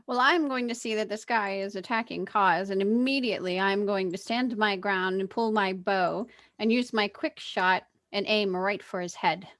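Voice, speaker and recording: A woman's voice: mid-range voice, normal speed, hardly any pauses, fairly bright tone. A woman playing a tabletop role-playing game, describing her character's actions eagerly and vividly. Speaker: player. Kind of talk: casual tabletop play.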